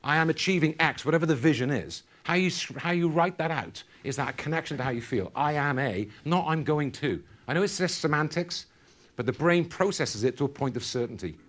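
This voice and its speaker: High-voiced man giving a motivational talk. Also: brisk. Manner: animated, quizzing the audience with call-and-response questions. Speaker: keynote speaker. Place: conference hall.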